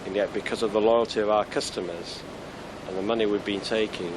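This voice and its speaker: A man in a store manager's role, giving measured, businesslike answers in an interview. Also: lowish voice, steady tone, background noise.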